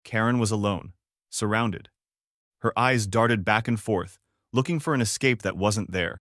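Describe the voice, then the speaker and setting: A man with a low voice narrates a first-person story at a measured, even pace. The recording is very dry and close, with no room sound at all. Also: no echo.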